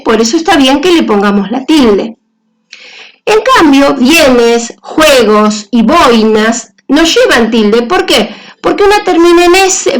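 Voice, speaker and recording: A woman teacher giving a grammar lesson on accent marks, talking carefully through example words on slides. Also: high-pitched.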